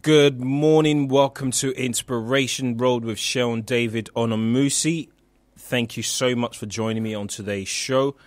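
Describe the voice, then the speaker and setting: A man's voice: mid-range voice, steady tone, a little slow, no echo. A young man who grew up in Nigeria, hosting a motivational radio talk show in an earnest manner with frequent fillers. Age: young adult. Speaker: radio host.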